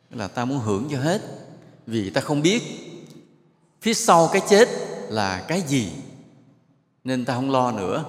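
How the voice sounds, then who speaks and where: A male monk delivers a sermon before a live audience, telling stories and drawing the crowd in with questions and gentle jokes. His voice sits at an ordinary middle pitch. The sound is roomy, with a long reverb trailing off through a large hall. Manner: storytelling, asks the audience questions and jokes with them. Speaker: monk giving a dharma talk.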